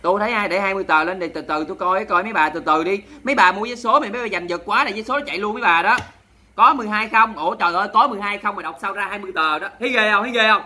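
A man with a Southern Vietnamese accent hosts a charity livestream at a rapid clip. His voice is very bright and sharp, and he talks in a sassy, theatrical way, scolding his viewers in jest. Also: high voice. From Mekong Delta, Vietnam. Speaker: livestream host.

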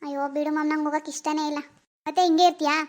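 A performer voicing a grieving young wife, weary and bitter after losing her baby, in an animated drama. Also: high-pitched, rapid-fire, close to an everyday voice. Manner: weary, bitter and self-pitying.

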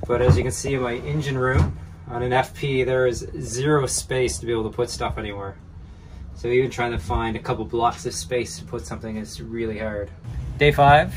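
A man in his thirties, a sailing vlogger, explaining a battery install in a relaxed, practical way with many fillers, recorded on a boat at a marina. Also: on the low side, background noise. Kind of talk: casual explaining while working. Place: catamaran engine room and cockpit, outdoors at a marina.

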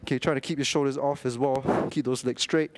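A young man instructing a workout, energetic, talking in short clipped cues and counts with frequent okays while exercising. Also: mid-range voice, a little fast, no room sound. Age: young adult. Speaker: fitness instructor.

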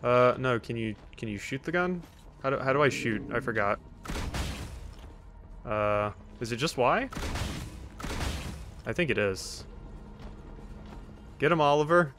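A mid-range, slightly bright male voice with lively intonation speaks unhurriedly, leaving long pauses. He provides casual, wry let's play commentary, teasing characters and reading game text aloud, over soft background music and faint video game sounds.

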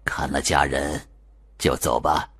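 A man voicing a gruff old male exorcist who talks in curt, scoffing lines. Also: very deep voice, moderate pace, fairly bright tone, no echo, studio quality, exaggerated voice.

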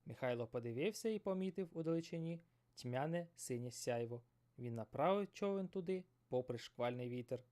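A man narrating a fairy tale in an expressive, dramatic storybook style. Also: medium pitch, brisk.

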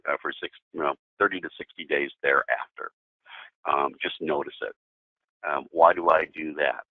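A middle-aged man, a defense attorney, lectures in a training webinar with a very deep, somewhat husky voice. He slips in dry sarcastic asides and stumbles through ums and restarts. The recording is dry and narrow, like a phone line. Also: no echo.

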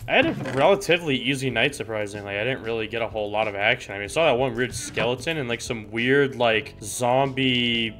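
Excitable gamer guy, bright voice. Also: mid-range voice, a little fast, few pauses, faint music behind. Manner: excitable, exclaims and swears at the game. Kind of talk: casual gameplay commentary.

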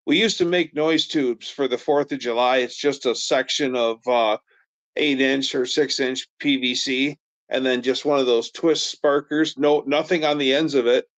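A middle-aged man co-hosting a casual live chat, telling folksy stories and chiming in with quick agreement. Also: mid-range voice, fairly even intonation, fairly bright tone, no room sound. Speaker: co-host of a car show live stream. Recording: dull dry lo-fi stream audio.

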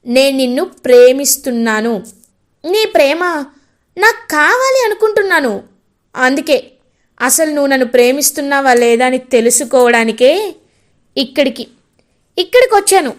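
A woman's voice: high-pitched, lively intonation, normal speed, pauses often. A woman voicing a young man who keeps pleading his love with playful persistence, in a retold serial story.

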